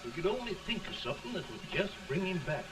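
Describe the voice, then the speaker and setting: Kindly doctor, lively intonation, concerned, noisy early talkie film sound. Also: male voice, high voice, quick pace. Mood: concerned, soothing. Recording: noisy 1930 film soundtrack, distant mic.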